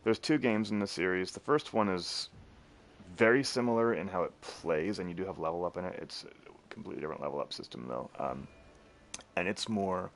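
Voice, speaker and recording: A man's voice: sits low, fairly quick, a little hiss or hum. A man streaming a video game, casually rambling and laughing as he explains it. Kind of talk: casual gameplay commentary.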